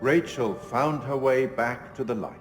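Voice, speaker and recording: An actor playing a sinister, refined gentleman who hosts horror tales in a video game, speaking in a measured, ominous and wryly courteous theatrical manner. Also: medium pitch, natural voice. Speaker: narrator host addressing the player. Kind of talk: theatrical scripted monologue, literary quotations. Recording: echoing hall reverb, music behind.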